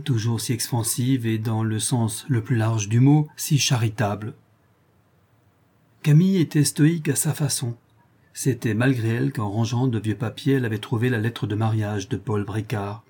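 Guy reading a novel aloud, steady and measured, mellow husky voice. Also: medium pitch. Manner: measured, even literary reading. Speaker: audiobook narrator. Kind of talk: audiobook narration of a novel.

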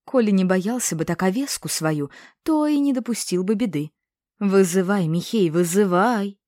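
Fierce, bossy witch, woman reader voicing her sharp and commanding, in a dry, warm-toned read. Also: medium pitch, lively intonation, moderate pace, dry recording, close to an everyday voice.

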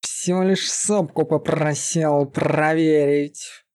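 A man reading an audiobook, voicing a gruff, short-tempered male beastman warrior with a slow, heavy growl. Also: fairly high pitch, steady tone, darkish tone, voice pushed up. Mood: irritated.

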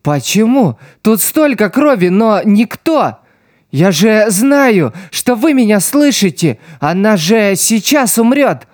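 A man reading an audiobook voices a desperate, loyal teenage street boy who shouts and pleads in a raised voice. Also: a little high, sing-song, slow, no echo, studio quality. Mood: desperate, pleading.

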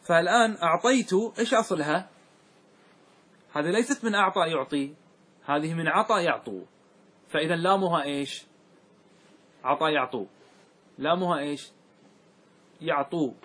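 A man's voice: fairly high pitch, moderate pace, pauses often, fairly bright tone, breathy edge. A man teaching a grammar class, quizzing his students and repeating their answers.

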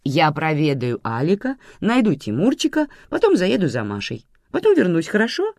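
A woman voicing a calm, matter-of-fact grandmother in an audiobook, placating and dismissive. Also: lowish voice, moderate pace, dry recording, clean studio sound, full character voice. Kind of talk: audiobook reading.

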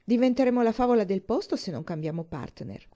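A woman's voice: medium pitch, sing-song, normal speed, dark tone, dull audio. Isabella, gushing young woman, read by a woman. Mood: effusive. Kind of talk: audiobook reading.

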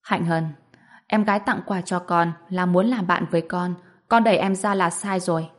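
A woman's voice: on the low side, fairly even intonation, moderate pace, close to an everyday voice. Woman voicing a stern old grandfather. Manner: stern, lecturing.

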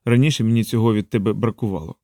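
Guy reading a calm mysterious thief, quiet detached voice, audiobook, dry mic. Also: lowish voice, very fast, no echo, lightly acted.

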